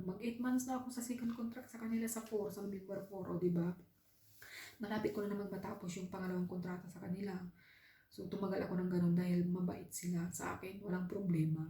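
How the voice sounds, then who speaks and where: A woman's voice: lowish voice, dark tone, reverberant. A woman from the Philippines working abroad as a domestic helper, earnestly telling her own story in a casual vlog and often speaking straight to her viewers. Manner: earnest, heartfelt, often addresses viewers as "guys".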